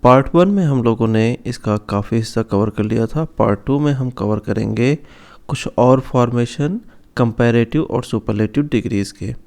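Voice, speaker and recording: A man explains grammar rules to students in a calm, mellow voice. His tone is smooth and resonant, and he slows down carefully over each example word. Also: medium pitch. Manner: slow, careful stress on example words. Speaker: English grammar teacher. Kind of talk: explanatory online lesson.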